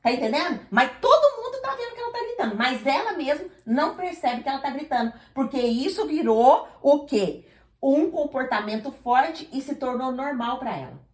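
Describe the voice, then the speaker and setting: A woman's voice: sits high, lively intonation, moderate pace. Emphatic woman preaching in an echoey room. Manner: emphatic, asks listeners "entendeu?", acts out dialogues. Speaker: preacher leading a women's prayer group. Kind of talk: sermon.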